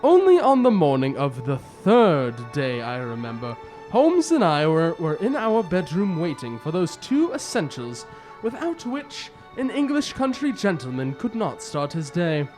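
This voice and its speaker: A man playing a genial older English gentleman doctor who tells his tales in old-time radio drama style, avuncular and hesitant. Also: a little high, huge pitch swings, a little slow, few pauses. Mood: reminiscing. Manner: avuncular, chuckling, hesitant delivery. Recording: music behind the voice.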